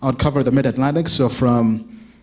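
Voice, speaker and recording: With a steady tone, slightly quick delivery and a mildly mellow quality, a medium-pitched Ugandan man in his thirties talks casually at a conference. He engages the audience with questions, conversation and plenty of laughter.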